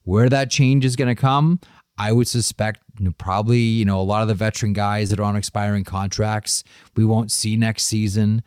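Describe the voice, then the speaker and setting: Low-voiced man, dry close podcast sound. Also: steady tone, normal speed, a little mellow, smooth, dry recording. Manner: asks pointed questions and steers the talk. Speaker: hockey podcast co-host. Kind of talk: casual sports chat.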